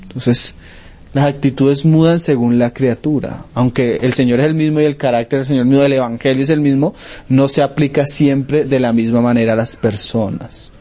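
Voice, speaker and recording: A man's voice: medium pitch, fairly even intonation, moderate pace, dark tone. A man preaching a sermon in a conversational teaching manner, often stopping to ask his listeners if they follow. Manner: conversational, asks frequent checking questions.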